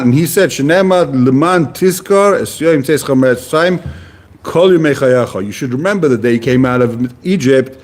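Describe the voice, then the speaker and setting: A Talmud teacher leads a casual class, explaining Hebrew and Aramaic terms in plain conversational English. His voice is medium in pitch with a darkish tone.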